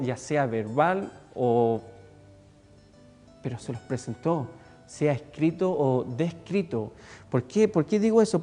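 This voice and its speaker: A man's voice: on the high side, a little mellow, long reverb tail. A man with a Chilean accent preaching a sermon, emphatic and repeating words for stress. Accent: Chilean Spanish.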